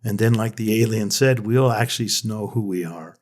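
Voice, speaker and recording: A man's voice: on the low side, brisk. A man hosting a podcast, talking in a reflective, rambling way with frequent restarts. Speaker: podcast host. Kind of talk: casual conversation.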